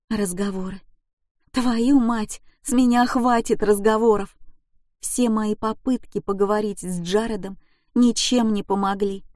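A woman's voice: mid-range voice, darkish tone, no echo, clean studio sound. A woman reading an emotional first-person audiobook in a gripping, intense way. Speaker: audiobook narrator.

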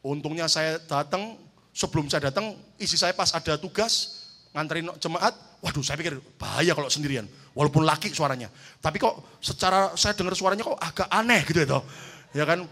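A male pastor delivers a fiery sermon in a high, bright, ringing voice. He tells stories between exhortations and swings from easy talk to loud shouts, calling the congregation for amen. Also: a little fast. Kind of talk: sermon with storytelling.

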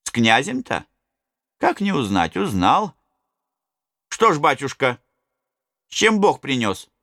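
A man's voice: mid-range voice, sing-song, slow, a bit bright, no room sound, studio quality, heavily acted. A man voicing an old grey-bearded male miller, sly and evasive, talking in a wheedling, coaxing way.

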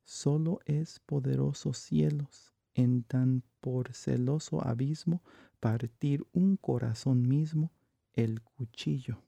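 An actor playing a jealous, lovesick man torn between two loves, reciting classical verse in a measured, deliberate way. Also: medium pitch, vocal fry, dark tone, no echo. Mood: brooding.

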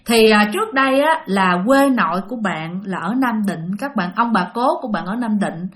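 This channel host has a medium-pitched, fairly bright voice. Reading out ghost stories her listeners submitted, she keeps things chatty and frequently turns to speak straight to them.

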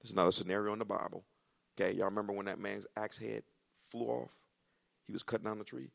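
A male pastor preaching a sermon, acting out dialogue and climbing to shouts. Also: lowish voice, fast, vocal fry. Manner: animated preaching, acts out dialogue, rises to shouts.

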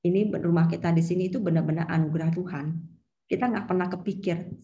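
A woman giving an earnest, emotional sermon testimony as a pastor's wife, often pausing on fillers. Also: on the low side, dark tone. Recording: dull lo-fi sermon recording.

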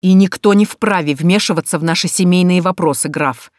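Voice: medium pitch, brisk, dry recording, studio quality, natural voice. A reader voicing a coarse, sneering nobleman who barks insults in an audiobook. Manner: spiteful, barking insults. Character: brutal sneering nobleman, a grown man. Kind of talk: audiobook character voice.

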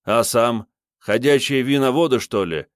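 A man's voice: mid-range voice, a little slow, no echo, pitched above the performer's own voice, close to an everyday voice. A man voicing a terse, wary male army lieutenant who answers curtly and dryly. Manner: curt, dry replies.

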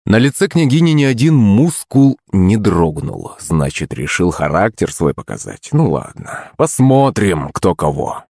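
A low-voiced man reads an audiobook with lively, swinging intonation. His dramatic telling rises and falls freely through the story. The sound is close and dry, with no room echo. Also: measured pace, gravelly, few pauses, breathy edge. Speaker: audiobook narrator. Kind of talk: scripted audiobook narration.

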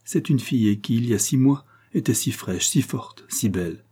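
A man's voice: mid-range voice, lively intonation, moderate pace, warm tone, husky. A man reading the part of a tearful widowed mother of about forty, who pleads and breaks off in sobs, in an audiobook. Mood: tearful pleading.

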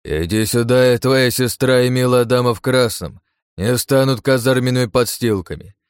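A man's voice: mid-range voice, moderate pace, clear, resonant tone, pitched above the performer's own voice, close to an everyday voice. A man voicing a cruel, mocking red-haired male villain who taunts and gloats in an audiobook. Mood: menacing. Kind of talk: audiobook character voice.

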